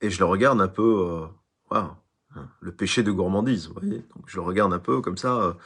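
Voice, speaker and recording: Deep-voiced man giving a spiritual lecture. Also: fairly quick, a bit bright, slightly rough. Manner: emphatic, repeats phrases, tells anecdotes. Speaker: spiritual teacher. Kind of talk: online lecture.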